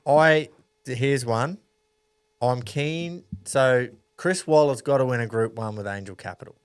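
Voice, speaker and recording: A man's voice: mid-range voice, unhurried, clean tone. An Australian man co-hosting a podcast in casual, blokey sports banter, with slang and swearing. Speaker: podcast co-host.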